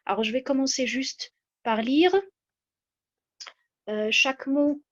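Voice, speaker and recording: A woman giving a measured, explanatory lecture from slides, pausing often with hesitations. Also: high-pitched, lo-fi sound. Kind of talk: slide-based lecture on word stress.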